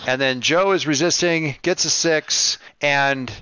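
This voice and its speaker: A man narrates and runs a tabletop role-playing game, talking in long looping sentences full of restarts. His voice is smooth and clear. The sound is dry and a little dull, like a cheap mic. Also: a little high, measured pace, pushed and bright, no room sound. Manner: chatty, rambling with many restarts. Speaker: game master.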